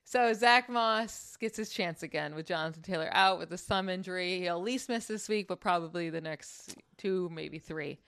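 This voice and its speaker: A woman co-hosting a casual sports podcast, talking in an upbeat, animated way with quick asides. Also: on the low side, clean tone, no echo. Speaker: podcast co-host.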